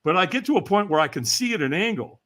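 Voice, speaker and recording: Lively, bright-voiced storytelling man in his sixties. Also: high-pitched, quick pace. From California. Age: 60s. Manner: lively, acts out quoted voices, laughs while telling. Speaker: podcast guest. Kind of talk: animated storytelling.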